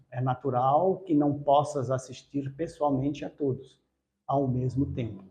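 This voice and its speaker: A man voicing a calm, consoling divine male voice that reassures and instructs. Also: fairly high pitch, creaky, low-quality recording.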